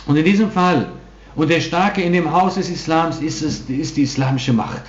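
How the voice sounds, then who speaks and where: A man's voice: on the high side, moderate pace. A man preaching a sermon to a congregation, emphatic, often restarting his sentences. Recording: dull roomy hall recording.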